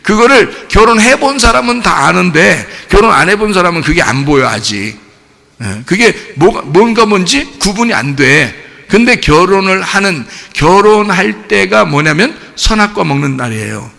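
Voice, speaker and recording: Animated high-voiced male pastor preaching. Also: moderate pace, creaky. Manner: animated, asks the congregation questions and acts out cheering crowds. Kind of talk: sermon. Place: church sanctuary. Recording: church hall with long reverb.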